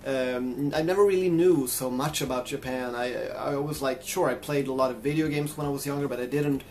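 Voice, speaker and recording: A man's voice: medium pitch, fairly even intonation, a little fast, darkish tone. Chatty man, reflective. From Sweden. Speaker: vlogger and guitarist. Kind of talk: casual personal storytelling.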